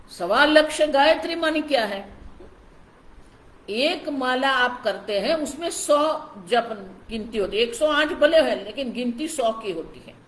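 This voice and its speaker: A woman's voice: high-pitched, animated, slow pace, pauses often, reverberant, poor audio. A woman spiritual teacher giving a scripture discourse, explaining patiently and often calling her listeners to look closely. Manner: explanatory, repeats "ab dekho" to engage listeners.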